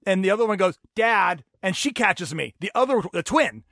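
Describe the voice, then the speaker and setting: Podcast host guy, kinda high voice, dry close mic, goes animated when he tells kid stories. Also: brisk, husky, no room sound. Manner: animated storyteller, acts out his kids. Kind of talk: casual chat.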